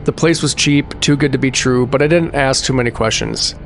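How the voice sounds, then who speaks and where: A man narrating a scripted first-person horror story in a suspenseful, deliberate, dramatic way. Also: mid-range voice, steady tone, a little hiss or hum. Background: music behind the voice.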